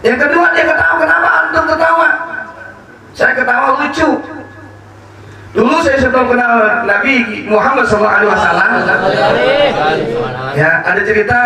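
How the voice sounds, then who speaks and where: A man's voice: high voice, background noise. A man preacher giving a sermon, telling stories with humorous asides. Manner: animated storytelling with humorous asides. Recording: echoey hall from far off with crowd.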